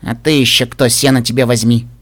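A man's voice: a little high, expressive, a little fast, fairly bright tone. A man voicing a grumpy, dazed female pony who grumbles and hisses her lines. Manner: grumbling, hissing.

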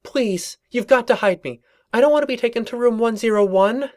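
A man's voice: lively intonation, normal speed. A man voicing a frantic, paranoid young female pony who is dramatic and overwrought. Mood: panicked. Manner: shrill and overwrought, warbling when singing.

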